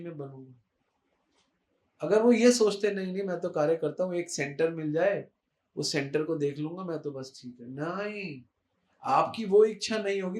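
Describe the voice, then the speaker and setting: A high-voiced man gives an emphatic devotional talk. He repeats his key words for weight and drops English phrases in as he goes. The room around him rings with echo. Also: darkish tone. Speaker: spiritual speaker.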